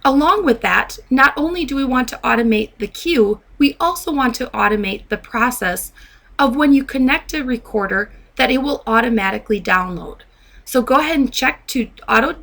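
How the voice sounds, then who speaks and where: In a software training tutorial, a woman with a fairly high voice acts as instructor, methodically walking the listener through every step.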